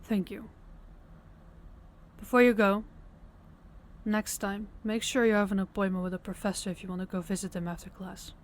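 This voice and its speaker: A woman performs a guarded, stern woman in an audio roleplay. She talks directly to the listener in a measured, firm way, with an apologetic, pleading undertone. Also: medium pitch, level tone, lightly acted.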